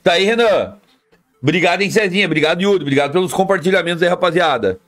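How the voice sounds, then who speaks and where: A man's voice: sits high, quick pace, a bit bright, soft background music. A man live streaming, chatting casually and repetitively with his viewers in slang. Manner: slangy, repetitive, talks straight to chat.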